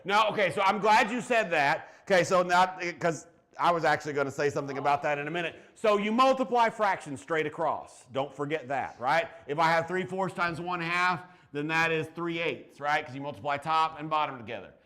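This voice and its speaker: A man in his forties teaching math in a classroom, talking through problems in a chatty, encouraging way. His voice sits a little high for a man, and he drops in joking asides with his students. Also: fairly quick, hardly any pauses, pushed and bright. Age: 40s.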